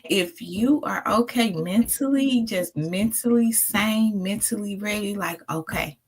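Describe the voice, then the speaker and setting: A woman's voice: mid-range voice, measured pace, slightly rough. A woman with a Mississippi Southern accent hosting a casual live doula talk, speaking in an encouraging, emphatic, conversational way. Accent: Mississippi Southern American. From Mississippi, United States. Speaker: host of a doula talk show. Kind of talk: casual live interview chat.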